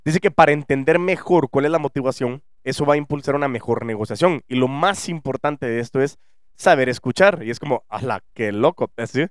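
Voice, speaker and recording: A podcast host with a Guatemalan Spanish accent talks the listener through ideas in an earnest teaching monologue. The man's voice is smooth and resonant, sitting at an ordinary middle pitch. It is recorded dry, with no room echo, and his emphasis rises and falls as he explains. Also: a little fast. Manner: lively shifts in loudness and emphasis.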